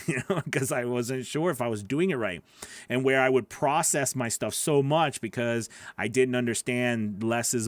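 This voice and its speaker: A nasal-voiced voice actor hosts a casual livestream Q&A from a small indoor home studio, speaking into a large boom-arm studio mic with a dry, roomless sound. His pitch is medium, and he chats, repeats words, and reads viewer questions aloud.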